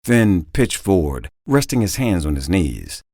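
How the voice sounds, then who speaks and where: A man reading an audiobook in dramatic, expressive storytelling, close to the mic. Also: low voice, unhurried, no echo. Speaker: audiobook narrator. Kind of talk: scripted audiobook narration.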